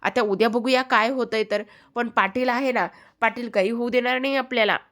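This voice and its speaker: A woman's voice: fairly high pitch, steady tone, fairly quick, fairly bright tone, close to an everyday voice. A woman voicing a scheming, vengeful village priest in a retold serial episode, boastful and threatening.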